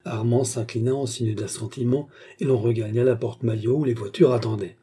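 Man, audiobook narrator, measured, very dark, husky. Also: mid-range voice, fairly even intonation. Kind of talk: reading a classic novel aloud.

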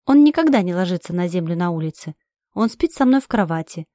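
A woman's voice: lowish voice, expressive, fast, dark tone, no echo, clean studio sound. A woman narrating a first-person story aloud with urgent, emotional delivery. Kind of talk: first-person audiobook reading.

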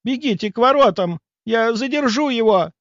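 A man voicing a very old noble woman mage who is excitable, fierce and shrill, in an audiobook. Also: normal speed, no room sound, lo-fi sound. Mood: frantic. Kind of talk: audiobook character voice.

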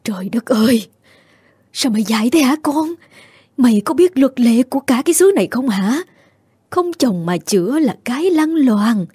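A man voicing an older village aunt in a folk horror story, scolding in a shrill, agitated raised voice. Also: fairly quick, dark tone, husky. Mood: frantic scolding.

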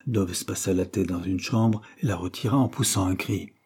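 A man reading a novel aloud in steady, measured scripted narration. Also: low voice, husky. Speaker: audiobook reader.

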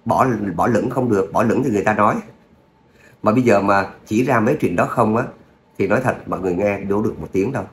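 Guy reading a serial story, lowish voice, echoey room. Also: quick pace. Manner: chatty, with filler words, then a steady reading. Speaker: audio story narrator. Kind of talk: casual chat, then story narration. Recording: roomy echo, faint hum.

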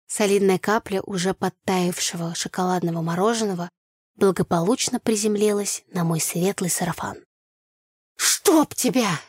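A woman's voice: mid-range voice, steady tone, moderate pace, a little mellow, breathy edge, no room sound, studio quality. Woman reading a first-person novel. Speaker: audiobook narrator.

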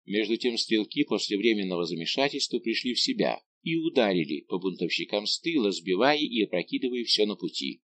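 Brief: male narrator, dramatic audiobook reading, lowish pitch, very lively intonation. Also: fairly quick, few pauses. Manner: expressive, vivid storytelling.

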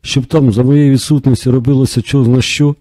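A man reading a gruff, irritable male hospital department head in an audiobook, with grim, curt questions. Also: mid-range voice, fairly even intonation, fairly quick, warm tone, dry recording, voice pushed up, natural voice.

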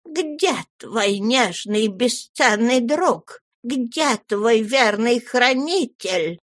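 Woman doing a frail old uncle in slow wrath. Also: on the high side, lively intonation, no echo, clean studio sound, pitched above the performer's own voice, full character voice. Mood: indignant. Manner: slow, solemn, thundering protest. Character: frail old man, fierce in sudden wrath.

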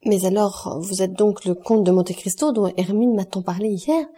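A woman's voice: mid-range voice, moderate pace, warm tone, husky, lightly acted. A woman reading an audiobook and voicing an anxious, effusive aristocratic mother.

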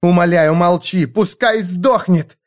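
A man voicing a wounded, drunk noblewoman who mocks and then pleads, in a shrill, raised voice. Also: a little slow. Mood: pleading.

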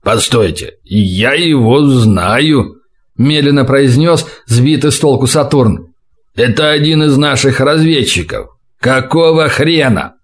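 A man voicing a huge male soldier who speaks slowly and hesitantly in an audiobook. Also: on the high side, close to an everyday voice. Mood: bewildered. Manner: slow, hesitant. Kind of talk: audiobook character voice.

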